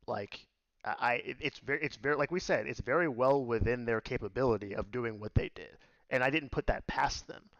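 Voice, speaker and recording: A man's voice: medium pitch, fairly quick, no room sound, dull audio. A man co-hosting a podcast, speaking thoughtfully and measuredly, with hesitant restarts. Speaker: podcast co-host. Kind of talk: casual chat.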